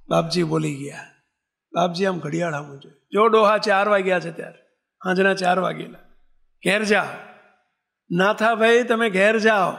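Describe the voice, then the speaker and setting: Man, devotional storytelling sermon, asks the listeners questions, gravelly high voice. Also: fairly bright tone. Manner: storytelling, voicing characters, asking the listeners questions. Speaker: spiritual leader telling a sacred story. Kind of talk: Gujarati devotional katha discourse.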